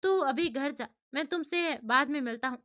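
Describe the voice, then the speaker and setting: A woman voicing a friendly male police inspector who speaks warmly to an old friend on the phone in a storybook reading. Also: high-pitched, normal speed. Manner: friendly, reassuring.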